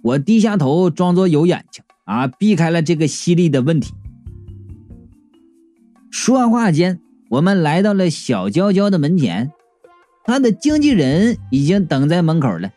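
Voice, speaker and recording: Lively man narrating a comic story. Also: fairly high pitch, faint music behind. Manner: lively, jokey, quick asides. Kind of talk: comic audio novel narration.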